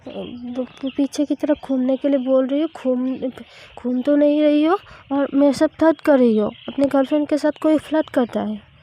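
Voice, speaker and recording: A woman's voice: high-pitched, steady tone, normal speed, warm tone, natural voice. A woman voicing a shy, flustered young college woman who stammers and pleads. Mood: pleading.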